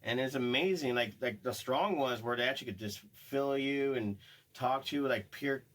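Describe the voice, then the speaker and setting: A man talks in a relaxed, rambling podcast chat about investigations. His voice sits at an ordinary middle pitch. He often slips into little acted-out quotes. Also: moderate pace, rough recording. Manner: rambling, acts out what spirits say. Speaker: paranormal investigator.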